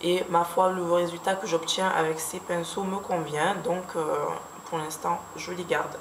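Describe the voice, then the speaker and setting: A woman with a fairly low voice explains her makeup brushes one by one, pausing often with little fillers. She sounds recorded in a roomy, echoing space, with a faint hiss underneath. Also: little pitch movement. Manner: hesitant, many fillers, unhurried explaining. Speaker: beauty vlogger. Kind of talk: casual product review. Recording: echoey room with faint background hiss.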